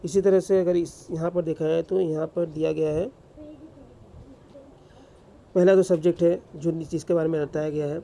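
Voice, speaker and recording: A man's voice: a little high, flat delivery, normal speed, creaky, pauses often, mellow, slight background noise. A man teaching English grammar in a classroom-style lecture, asking rhetorical questions and answering them himself.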